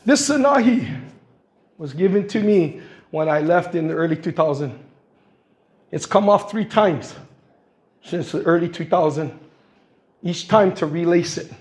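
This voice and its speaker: A man in his sixties from Guam, with a noticeably high voice, delivers impassioned public comment in a public meeting hall. He tells stories plainly and earnestly, acting out the voices of those he quotes. His intonation is lively, his pace a little slow, and he pauses often.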